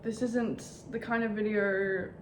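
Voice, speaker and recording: Woman, twenties, unhurried and candid, reflective vlogger talking from her bedroom, mid-range voice. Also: mid-range voice, level tone, roomy sound, a little hiss or hum. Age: 20s. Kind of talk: casual personal vlog. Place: bedroom in her new home.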